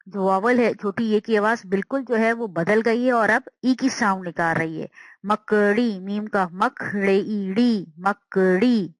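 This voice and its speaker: A woman teacher giving a slow, patient language lesson, sounding out words and repeating them. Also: medium pitch, no echo, low-quality recording.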